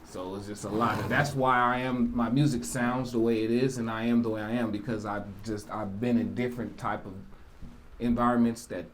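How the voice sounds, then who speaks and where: A man from Jamaica, a rapper, talking casually in an interview, relaxed and rambling with many asides. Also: medium pitch, fairly quick, slight background noise. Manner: relaxed, rambling, with frequent "you know" asides.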